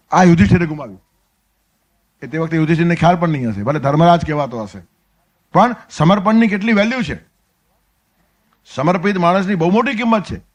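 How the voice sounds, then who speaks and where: A man's voice: fairly high pitch, dull audio. A man with a Gujarati accent giving a Gita discourse, telling stories and acting out the characters' lines. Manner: storytelling, acts out dialogue with sudden drops to soft asides. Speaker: spiritual discourse speaker.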